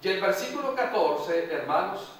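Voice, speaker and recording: A male pastor from Mexico preaching a sermon slowly and emphatically, repeating phrases and putting questions to the congregation. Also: high-pitched, lively intonation, a little hiss or hum. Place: large church hall. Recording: echoey hall, voice from far off.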